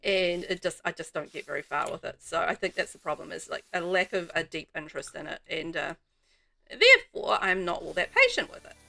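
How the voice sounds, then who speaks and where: A woman's voice: lowish voice, very animated, fairly quick, gravelly, sharp tone. A woman from New Zealand with a New Zealand accent, streaming a game and chatting casually with viewers in a rambling way. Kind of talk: casual chat while playing.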